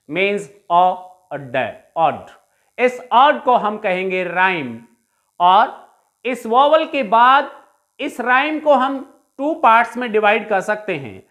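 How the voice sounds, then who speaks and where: Very slow-speaking woman teacher. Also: fairly high pitch. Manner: slow, deliberate explanation, mixing Hindi and English. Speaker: English teacher. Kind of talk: classroom lesson.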